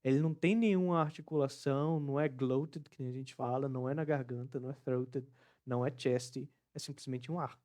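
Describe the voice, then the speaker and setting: A man's voice: medium pitch, fairly even intonation, fairly quick, a little mellow. Chatty Brazilian man teaching pronunciation. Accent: Northeastern Brazilian Portuguese. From Northeast Brazil. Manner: chatty, demonstrates sounds by repeating words. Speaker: English teacher. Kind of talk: casual online lesson.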